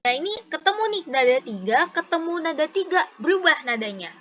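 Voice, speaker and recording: A woman's voice: high-pitched, sing-song, fairly quick, fairly bright tone, highs cut off, a little hiss or hum. A woman teaching a casual one-on-one language lesson over a video call, explaining patiently step by step and repeating examples. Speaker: Mandarin tutor.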